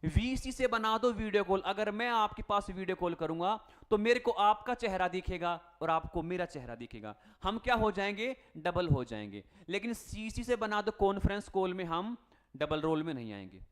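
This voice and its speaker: A man leads a spelling lesson for exam students, his voice sitting fairly high for a man. He spells words out letter by letter and keeps asking his class questions before answering them himself. He speaks in a friendly coaching tone, calling his students "beta" and "bhai". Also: animated, moderate pace, fairly bright tone. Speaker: English teacher.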